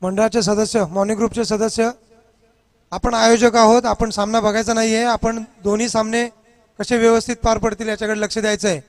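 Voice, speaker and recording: High, flat man on a PA loudspeaker. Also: a little fast, dry recording. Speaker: tournament organizer announcer. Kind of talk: instructions to club members.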